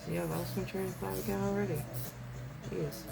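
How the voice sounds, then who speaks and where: A woman with a rough, raspy smoker's voice gives a casual, rambling, self-deprecating hands-on tutorial as an amateur host. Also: mid-range voice, steady tone, brisk, over loud music, low-quality recording. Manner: rambling, self-deprecating, loses train of thought.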